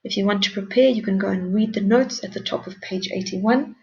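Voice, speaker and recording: A woman teaches a grammar lesson in a patient, encouraging way, walking through each point one step at a time. Her voice is slightly gravelly with a mid-range pitch. The recording sounds dull and lo-fi. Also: fairly quick.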